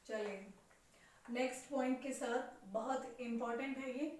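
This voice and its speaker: A woman English teacher with an Indian accent, giving a pronunciation lesson and repeating words slowly for students to copy. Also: sits high, steady tone, a little mellow, slight background noise. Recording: very echoey room, voice from far off.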